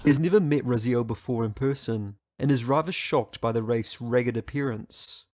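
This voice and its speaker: A man reading scripted documentary-style narration in a measured, literary, composed manner. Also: mid-range voice, a little mellow. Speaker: narrator of a video game character study. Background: music.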